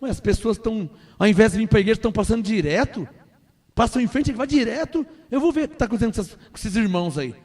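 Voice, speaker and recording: A man's voice: sits high, animated, fast, a little mellow. A man voicing a puzzled pastor in a joke, fretful and wondering aloud. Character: puzzled small-church pastor, grown man.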